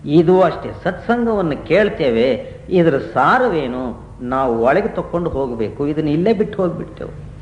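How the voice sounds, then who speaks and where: A man's voice: a little high, big pitch swings, normal speed, highs cut off. A man giving a devotional discourse to a gathering, telling stories and asking rhetorical questions. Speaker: spiritual teacher. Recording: roomy 1990s satsang recording with faint hiss.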